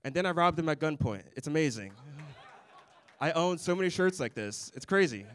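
A young man does stand-up at a comedy club, speaking briskly into a handheld mic in a fairly high voice. He keeps it deadpan and dry, with little chuckles slipping in.

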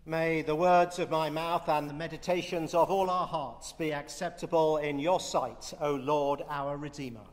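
A man preaching a sermon in a large church, telling a gentle, self-deprecating story. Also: on the high side, steady tone, normal speed, hardly any pauses, big-room sound. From Britain. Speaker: priest.

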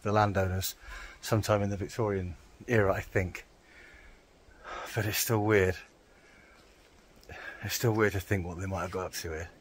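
A man's voice: low-pitched, steady tone, moderate pace, pauses often, a little hiss or hum. A man, a touring musician, talking casually to a handheld camera while out walking, chatty and self-mocking. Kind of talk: casual travel vlog chat. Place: outdoors on walks and sightseeing.

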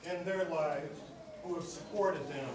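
A man's voice: a little high, a little slow. A man giving a commencement speech to graduates, with a rhythmic, oratorical delivery that builds on repeated phrases. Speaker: commencement speaker. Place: large hall at a graduation ceremony. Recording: echoey hall recording from far off with noise.

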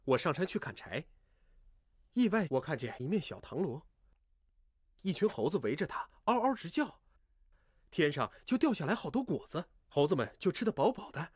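Sly smooth-talking fake brother, husky voice, bouncy pitch, some music behind. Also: male voice, sing-song, normal speed, pauses often, dry recording, studio quality. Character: sly young man posing as a rich long-lost brother. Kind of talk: comic period TV drama acting. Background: drama score music.

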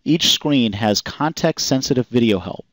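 A man calmly reading a scripted software demonstration voice-over in an even, explanatory way. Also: mid-range voice, moderate pace, no echo. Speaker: software demo narrator. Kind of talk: scripted product demo narration.

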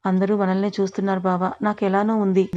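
A loving young mother, voiced by a woman narrator speaks gently and softly. The pitch barely moves. The recording is slightly muffled. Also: little pitch movement, quick pace, close to an everyday voice. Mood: shy. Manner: gentle, soft-spoken. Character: young new mother, loving and playfully sulky.

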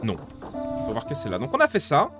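A man giving casual let's-play commentary, excitable, swearing and pleading loudly with game characters. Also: mid-range voice, brisk. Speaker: gaming YouTuber. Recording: game music playing behind the voice.

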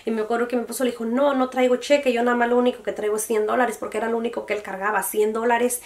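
A young beauty vlogger rapidly tells a personal story in a casual, emotional vlog, animatedly acting out what others said. Her voice is a little high and sits a bit far from the mic.

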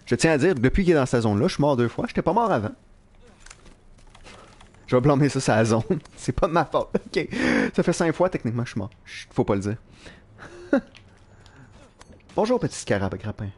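A young man with a Quebec French accent giving live gameplay commentary in an animated, self-mocking way, swearing casually. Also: medium pitch, a little fast, long pauses. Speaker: live streamer. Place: at work.

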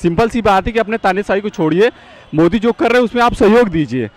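A man's voice: sits high, lively intonation, fast talker, noisy background. A man stopped on a city street, giving an emphatic, repetitive, lecturing opinion to a reporter. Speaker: passerby interviewee. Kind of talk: opinionated street interview answer.

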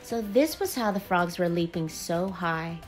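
Woman, children's book read-aloud, gentle, expressive, lowish voice, faint music behind. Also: unhurried. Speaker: storybook reader.

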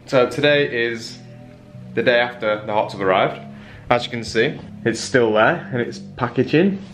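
A man's voice: medium pitch, normal speed, a bit bright. A young man from England chatting casually in a self-mocking way as he vlogs his day at home. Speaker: vlogger. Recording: roomy sound with faint music.

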